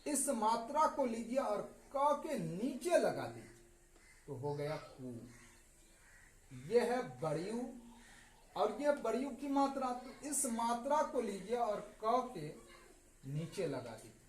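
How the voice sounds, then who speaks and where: Male teacher, patient and repetitive, lively pitch; roomy recording with faint hiss. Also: takes it slowly. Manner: patient, repeats each answer twice, drops pitch at each result. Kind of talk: slow step-by-step writing lesson. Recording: echoey room with faint noise.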